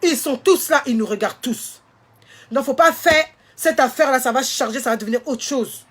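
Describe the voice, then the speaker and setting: A woman speaks straight to her online audience in a high, bright-pitched voice. She rants with indignant force, stressing and repeating each demand. It is a heated vlog commentary. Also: fairly quick. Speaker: social media commentator. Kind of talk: impassioned vlog rant to viewers.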